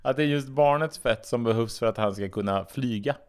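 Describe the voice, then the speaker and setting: Dry-witted male co-host. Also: medium pitch. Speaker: podcast co-host. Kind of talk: casual film chat.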